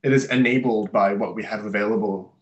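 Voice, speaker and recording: Recorded with dull audio on a desk webcam, a young man from Malaysia and Singapore reflects at length in a small, bright indoor room. He's an artist and social worker whose lowish, steady voice moves briskly, and his thoughtful monologue is full of restarts and fillers.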